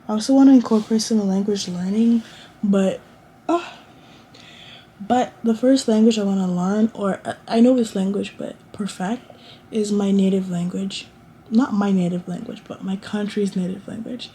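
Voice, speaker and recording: A late-teen woman vlogs to camera from her college dorm room, chatting casually and rambling with lots of restarts and fillers. Her mid-range voice is mellow, with a little hiss or hum in the background.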